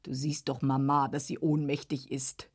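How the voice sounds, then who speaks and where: A woman voicing a calm, soothing young man in a storybook reading. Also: a bass voice, normal speed, breathy edge, pitched below the performer's own voice, full character voice.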